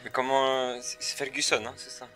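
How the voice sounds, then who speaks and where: A man's voice: medium pitch, little pitch movement, a little fast, over music. A man in a game role-play who jokes and banters in a put-on Italian accent, dropping Italian words into his speech. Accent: fake Italian accent.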